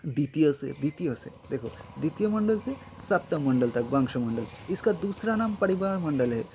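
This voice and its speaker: A man's voice: a little high, animated, normal speed, a little mellow, dull audio, a little hiss or hum. A man giving an exam-prep lecture as a tutor, repeating points and checking in often with short confirmations. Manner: repetitive, frequent "thik hai" checks.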